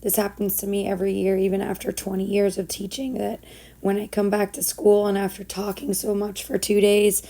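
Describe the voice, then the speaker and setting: A middle-aged woman teacher with a hoarse, swallowed, froggy voice that is giving out, explaining a recorded lesson informally and step by step. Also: medium pitch, completely flat delivery, fairly quick, warm tone. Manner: instructive, step-by-step. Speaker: school math teacher.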